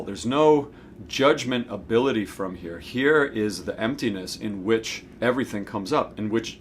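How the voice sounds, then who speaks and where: A man in his forties who hosts a spiritual self-help video series speaks to camera in a lowish voice, with a faint hiss or hum underneath. His teaching talk is informal, conversational, and emphatic, and he keeps checking in with the listener.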